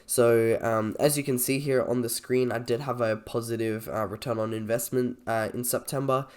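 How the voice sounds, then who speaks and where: A man with a croaky, slightly sick voice, talking informally and a little hesitantly as he reviews trades on a screen recording. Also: medium pitch, steady tone, normal speed, a little mellow. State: sick with a cold or cough. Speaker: trader presenting a video.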